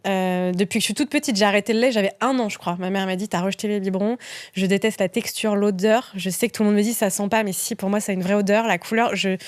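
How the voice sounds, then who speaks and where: Woman, thirties, radio host, chatty, lively, laughs a lot, keeps restarting sentences. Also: medium pitch, fast, few pauses. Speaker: radio host, interview guest. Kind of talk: casual interview chat.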